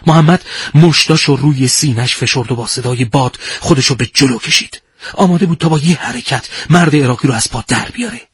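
A man reads a dramatic war story aloud at a measured, hushed pace. His voice is husky and mid-pitched, and the recording is dry with no room sound. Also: no room sound.

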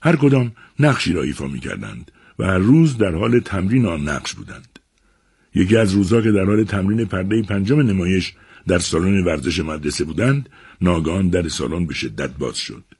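A man tells a serialized novel adaptation for a radio book show, his storytelling measured and expressive. His voice sits low and has a breathy edge.

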